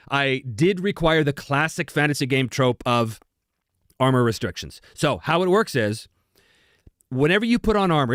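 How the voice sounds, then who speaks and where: Lively, dry-miked stream host man. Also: mid-range voice, no room sound. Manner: chatty, self-interrupting, laughs often. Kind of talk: casual live-stream chat reading comments.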